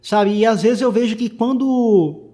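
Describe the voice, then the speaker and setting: A man's voice: sits high, unhurried, warm tone. A man speaking as a guest on a casual faith podcast, fervent and full of slang.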